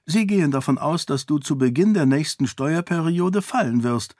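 A man's voice: on the high side, expressive, moderate pace, a little mellow, dry recording, studio quality, pitched above the performer's own voice. A man voicing a self-assured young princess who speaks frankly and cuttingly in a storybook reading. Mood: cool.

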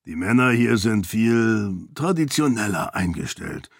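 A man voicing a gruff middle-aged uncle with a raspy voice, in an audiobook reading. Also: lowish voice, very animated, unhurried, dry recording, studio quality, full character voice. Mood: curt. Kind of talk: audiobook character voice.

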